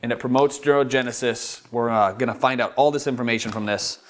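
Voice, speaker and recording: A man's voice: mid-range voice, steady tone, fast. A man from Michigan hosting a health vlog, talking enthusiastically and casually about his favorite superfoods. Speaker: wellness channel host. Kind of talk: upbeat product-style health vlog.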